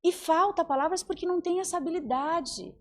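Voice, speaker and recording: A woman in her forties, a psychologist and mentor, talking in an animated way on a podcast and acting out the voices she quotes. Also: extremely high pitch, a little fast. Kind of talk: podcast conversation.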